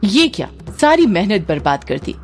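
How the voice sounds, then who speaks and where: A woman's voice: medium pitch, big pitch swings, moderate pace, a little mellow, faint music behind. A woman voicing a scheming, bossy middle-aged mother who scolds and pushes others around in a spoken story. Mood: pushy scolding. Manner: scolding, pushy.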